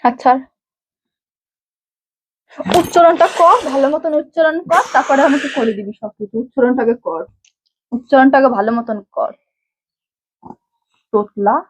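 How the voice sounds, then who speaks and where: A woman's voice: high voice, moderate pace, long pauses, a little hiss or hum, low-quality recording. A young woman scolding her husband in a heated domestic argument, repeating herself insistently. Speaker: vlogger's wife.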